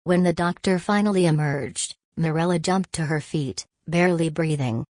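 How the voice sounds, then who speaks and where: A woman giving scripted narration of a family drama in a dramatic, measured way. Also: deep voice, a little mellow, no room sound.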